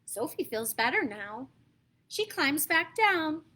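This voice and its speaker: An American woman reads picture books aloud to young children, her voice high-pitched and her pace slow. She delivers the story in an animated, dramatic way, leaning on emphasis and stepping aside from the text to ask her listeners questions.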